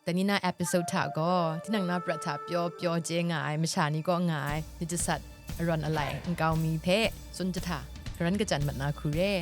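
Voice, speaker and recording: Low-voiced woman hosting a chatty podcast. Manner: chatty, often laughing, mixes in English words. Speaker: podcast host. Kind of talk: casual solo podcast talk.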